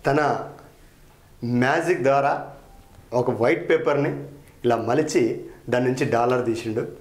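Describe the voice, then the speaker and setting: A man's voice: medium pitch, unhurried. A middle-aged man interviewing a guest, encouraging him with frequent approving murmurs. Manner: encouraging, frequent hmm and super. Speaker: interviewer, talent show host. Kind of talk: interview questions. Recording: echoey room.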